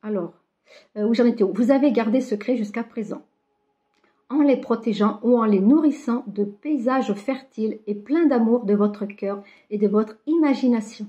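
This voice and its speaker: A woman with a fairly high, mellow voice talks her viewers through a card reading. She sounds affectionate and encouraging, and peppers her talk with small fillers. The recording sounds dull and lo-fi. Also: normal speed. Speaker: card reader giving a weekly guidance. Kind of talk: casual spiritual guidance to viewers.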